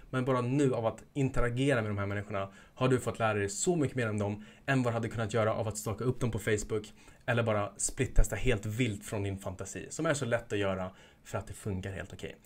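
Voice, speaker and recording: A young man giving a casual instructional talk as an e-commerce coach, energetic and hyping things up with jokey asides. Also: on the low side.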